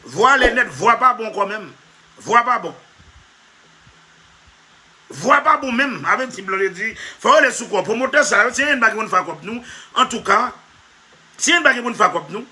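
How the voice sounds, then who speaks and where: High, bright animated man. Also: normal speed, long pauses. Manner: emphatic, repetitive, keeps addressing "monsieur". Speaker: comedy vlogger. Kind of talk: comic monologue.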